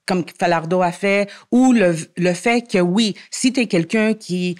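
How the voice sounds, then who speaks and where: A woman's voice: fairly low pitch, measured pace, darkish tone. Woman guest, French speaker, earnest and argumentative, restarts often mid-sentence. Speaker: guest columnist. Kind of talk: podcast interview conversation.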